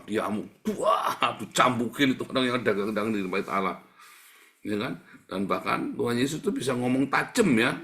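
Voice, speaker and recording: A man's voice: medium pitch, fairly bright tone. A man preaching a sermon in a conversational, emphatic way, repeating words for stress.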